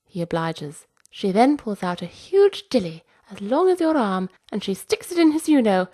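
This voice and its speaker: A woman's voice: mid-range voice, big pitch swings, normal speed, dark tone. Woman voicing a meek nervous son. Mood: chatty. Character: hapless adult son, mild and nervous.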